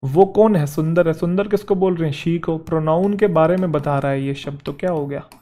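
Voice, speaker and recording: A man teaches a grammar class. His voice sits a little high but sounds warm and mellow. He keeps stopping to ask the students quick questions.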